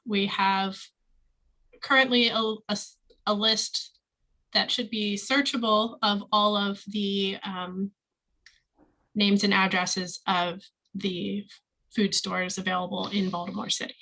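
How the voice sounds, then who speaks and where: Bright-voiced woman, halting and slightly nervous. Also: medium pitch, flat delivery, poor audio. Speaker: developer presenting project work. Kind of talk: informal demo presentation.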